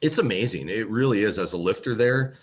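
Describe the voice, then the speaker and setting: A man from Wisconsin with a very low voice chats as a podcast guest. He speaks earnestly and leans on "you know" between thoughts. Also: expressive, brisk. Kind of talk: casual podcast conversation.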